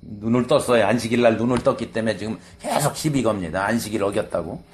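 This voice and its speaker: A man's voice: lowish voice, quick pace. A man preaching a sermon, explaining scripture in a conversational way and acting out quoted lines. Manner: animated, acts out quoted lines, conversational asides. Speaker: pastor.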